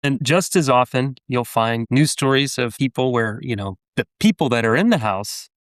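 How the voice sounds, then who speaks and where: A man from New Orleans talks as a podcast guest, musing through his answers with plenty of fillers and restarts. His voice sits at a middle pitch and is recorded close and dry, with no room sound. He comes across as reflective. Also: expressive, normal speed, fairly bright tone, no echo. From New Orleans, United States. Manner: rambling, thoughtful, many fillers. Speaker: novelist guest. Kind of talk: podcast interview.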